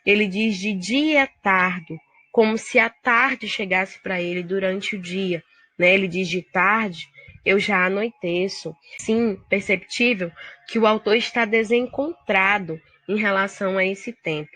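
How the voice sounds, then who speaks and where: Bright-voiced Brazilian woman teaching literature. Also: mid-range voice, a little slow, no echo. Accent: Brazilian Portuguese. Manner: explaining step by step, addressing students directly. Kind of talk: recorded video lesson.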